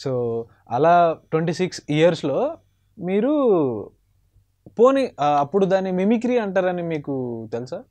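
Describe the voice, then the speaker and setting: A man's voice: high-pitched, very animated, a little slow, long pauses, darkish tone. A man hosting an interview, echoing the guest's answers and mixing English words into his questions. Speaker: show host.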